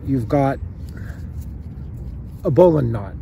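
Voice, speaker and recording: A middle-aged man hosting a bushcraft channel, giving calm, practical step-by-step instructions outdoors in a park. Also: mid-range voice, takes it slowly, gravelly, slight background noise.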